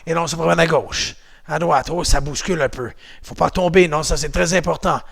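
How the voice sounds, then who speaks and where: A man's voice: fairly high pitch, steady tone, brisk, gravelly, a bit bright. A man with a Québécois accent, leading a home exercise and martial arts class in a chatty, encouraging, playful way. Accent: Québécois French.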